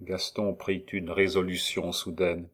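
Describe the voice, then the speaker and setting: A man narrating a classic novel in a measured, even storytelling manner. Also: sits low. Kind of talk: audiobook reading of a classic novel.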